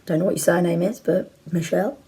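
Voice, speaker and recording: A woman in her forties talks to camera like a chatty video blogger. Her voice sits fairly low and is husky and croaky, as if she is under the weather. She rambles candidly and informally as she answers questions. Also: fairly even intonation, quick pace, warm tone. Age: 40s. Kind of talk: casual chat to camera, answering viewer questions. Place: bedroom at home, indoors.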